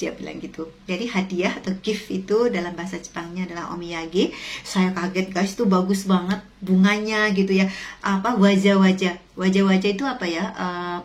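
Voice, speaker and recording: A middle-aged woman from Indonesia telling chatty stories to camera with many fillers and asides to her viewers. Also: mid-range voice. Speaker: lecturer sharing stories about Japan. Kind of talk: casual storytelling to camera. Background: faint music.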